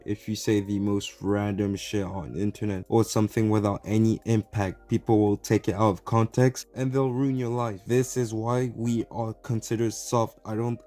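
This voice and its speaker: Low-voiced young man giving opinions. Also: warm tone. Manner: earnest, opinionated, rambling with restarts. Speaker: YouTuber. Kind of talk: opinion commentary vlog.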